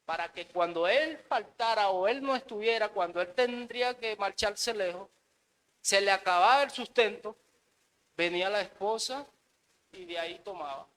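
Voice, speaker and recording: A man's voice: high voice, normal speed, a bit bright, poor audio. A married man preaching a sermon in an earnest way, often repeating words and saying amen. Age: adult, married.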